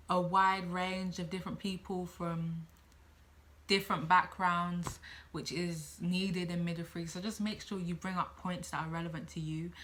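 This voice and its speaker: A teenage girl with a bright, crisp voice pitched slightly low talks to the camera in a casual advice vlog. Like a student vlogger, she chats freely, thinks out loud, and keeps circling back to earlier points.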